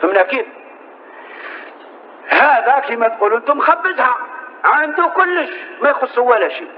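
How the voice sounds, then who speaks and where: A man with an Algerian accent giving a passionate religious lesson in colloquial dialect, pushing his voice up to a shout at the high points. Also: expressive, a little fast, muffled recording, slight background noise. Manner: impassioned, rising to shouts at climaxes. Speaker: preacher.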